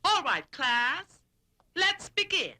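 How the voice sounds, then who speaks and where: Slow, drawn-out, very bright-voiced grand teacher in a film comedy. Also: female voice, sits high, sing-song, full character voice. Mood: pompous. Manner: slow, drawn-out classroom delivery. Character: theatrical female teacher, pompous and dramatic.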